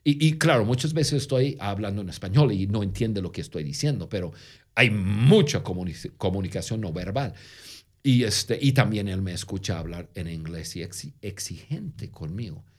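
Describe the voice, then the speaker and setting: A man co-hosting a podcast who tells stories in casual Spanish, which is not his first language, with a lingering foreign accent and frequent halting restarts. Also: on the low side. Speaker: podcast co-host. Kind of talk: casual conversational storytelling.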